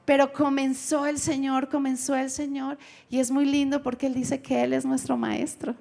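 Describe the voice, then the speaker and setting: A woman's voice: sits high, level tone, normal speed, vocal fry, a little mellow. A woman pastor telling her testimony in a sermon, acting out her past words as she tells the story.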